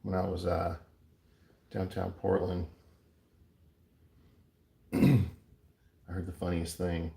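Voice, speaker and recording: A man casually narrating his coin ring making as he works, chatty and relaxed, with playful sound words. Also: low-pitched, slow pace, long pauses. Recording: echoey room with clear background noise.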